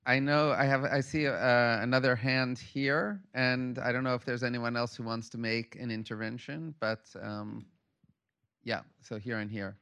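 Panel moderator, man, mid pitch, friendly and hesitant. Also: steady tone, moderate pace, bright, forceful tone.

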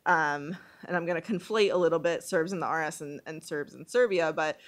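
A woman from Bosnia and Herzegovina offers informal spoken commentary as a panelist, thinking aloud hesitantly with some self-deprecating humour. Her voice sits low and her pace is brisk.

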